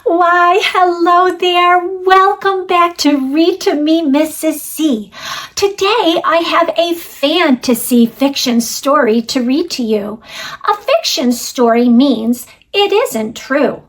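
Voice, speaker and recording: With an extremely high-pitched voice and a slow pace, a woman hosts a children's storybook reading. She speaks right to her young audience, animated and instructive throughout.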